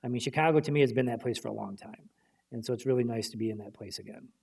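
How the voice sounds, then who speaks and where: A man on a library stage, relaxed and chatty, telling a story to an audience. He acts out bits of dialogue as he talks. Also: medium pitch, quick pace, creaky, breathy edge. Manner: animated anecdotal storytelling, acting out quotes.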